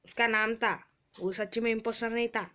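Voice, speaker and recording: A woman's voice: a little high, steady tone, a little fast, a bit bright. A woman giving casual, chatty commentary while playing a video game, whining and pleading in fun. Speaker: gamer.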